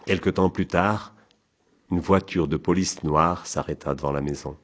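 Deep-voiced male audiobook narrator. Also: steady tone, moderate pace.

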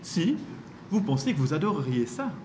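A man voicing a bitter, scornful woman left by her husband, who speaks in a sharp, mocking, accusing way. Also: sits low, sing-song, moderate pace, slight background noise. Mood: taunting.

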